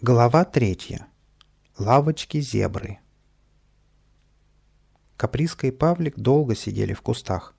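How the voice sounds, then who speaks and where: Male narrator for a children's book, gravelly, mid-pitched. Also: takes it slowly, long pauses. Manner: lively, expressive narration. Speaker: storyteller. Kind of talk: children's story reading.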